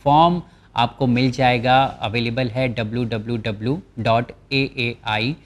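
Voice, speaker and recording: A man with a medium-pitched, steady voice hosts a channel presenting job vacancies, walking viewers through a government job notice. He explains it informatively, reading the English terms from the notice slowly.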